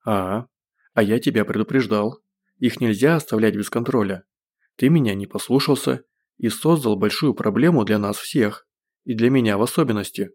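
A man reading an audiobook, voicing a scheming, self-pitying captive who talks softly and plaintively. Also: on the low side, moderate pace, husky. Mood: wheedling.

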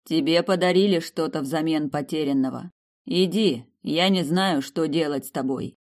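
Unhurried wise fox shaman, old and female, low mellow tone, matter-of-fact, as a woman reads her. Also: lightly acted. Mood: calm.

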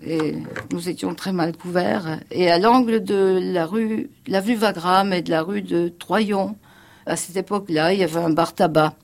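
An older woman recounts her past for the radio in a gravelly, creaky voice. She speaks haltingly, with fillers and restarts, and brings the words of others to life as she tells her story. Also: on the low side, a little mellow. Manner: vivid storyteller quoting others. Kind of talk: spoken memoir on radio.

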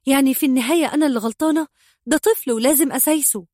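A woman's voice: sits high, racing, a little mellow, no room sound, studio quality, voice pushed up, close to an everyday voice. A woman voicing an anxious young wife and mother with an Egyptian accent, pleading and indignant by turns. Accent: Egyptian Arabic. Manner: pleading, then scolding and indignant.

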